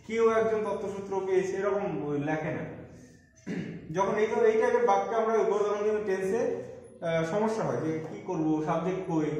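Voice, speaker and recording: A man with a fairly high voice teaches a grammar class, breaking each point into small steps and firing questions at the students. The room rings with strong echo and a long reverb tail, as in a bare classroom. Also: darkish tone, distant mic. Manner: explains step by step, quizzing students with quick questions.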